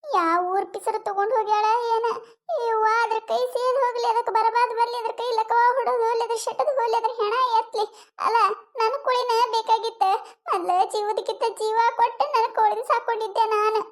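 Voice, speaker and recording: A shrill, very high-pitched village woman with a North Karnataka accent wails over her lost hen, as a woman puts her on. She curses and accuses her neighbours loudly. It is a cartoon comedy voice. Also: level tone, fast talker. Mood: wailing. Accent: North Karnataka Kannada. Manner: wailing, cursing, accusing.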